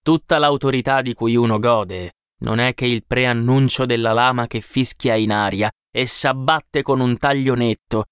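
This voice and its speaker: A man reading a bookish lecturer in glasses, slow and insistent. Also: mid-range voice, steady tone, fairly bright tone, clear, resonant tone, dry recording, studio quality, close to an everyday voice. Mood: explaining. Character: bespectacled learned man, earnest lecturer.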